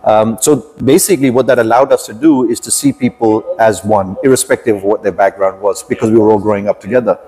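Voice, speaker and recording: Mellow, measured man in his fifties. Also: lowish voice, fairly even intonation, slightly rough. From United Kingdom. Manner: measured, reflective storytelling with frequent pauses. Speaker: podcast guest, entrepreneur. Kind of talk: podcast interview.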